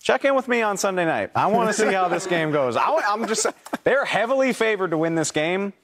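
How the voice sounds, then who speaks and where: A man's voice: high voice, lively intonation, brisk, a bit bright, slight background noise. A man on a sports debate panel, speaking in a hesitant, hedging way and often correcting himself.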